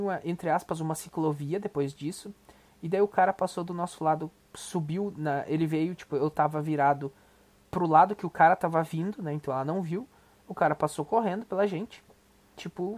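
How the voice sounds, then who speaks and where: A man's voice: on the high side, a little fast. A young adult Brazilian man is hosting a casual reaction podcast. He talks in long, rambling stretches, full of emphatic swearing and restarts. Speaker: podcast host.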